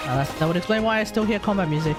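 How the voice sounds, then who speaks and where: Over the game's music, a streamer commentates live play very fast in a medium-pitched voice, rambling casually to themself and to the chat.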